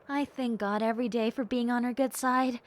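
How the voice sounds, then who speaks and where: Here a woman's fairly high, natural voice brings to life a shy, eager bat-girl hybrid in a roleplay audio drama. The character gushes politely and lets slip small, hesitant exclamations, coming across as playfully intimidated.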